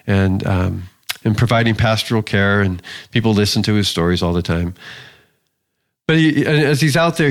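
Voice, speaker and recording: A man who is a Lutheran pastor, giving a sermon in an earnest, measured way, with pauses and small restarts. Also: medium pitch.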